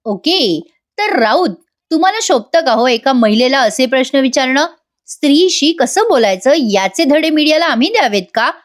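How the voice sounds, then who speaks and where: A woman's voice: sits high, animated, moderate pace. A woman voicing a confident young wife who answers reporters' questions with assertive retorts.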